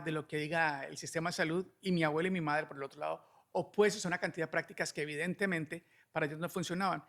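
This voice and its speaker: His voice is fairly high and fairly bright. He's a middle-aged alternative medicine doctor from Cali, Colombia, speaking with a Colombian accent as a podcast guest, explaining conversationally and frequently checking in with little tags such as "¿no?".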